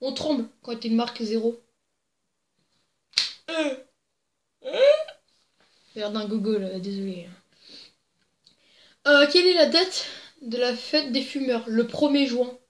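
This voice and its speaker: Giggly high-voiced young woman telling jokes. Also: takes it slowly, long pauses. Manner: giggly, rambling, crude asides. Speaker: joke-telling video host. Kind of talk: casual joke reading to camera. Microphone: plugged-in desk microphone. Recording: echoey room.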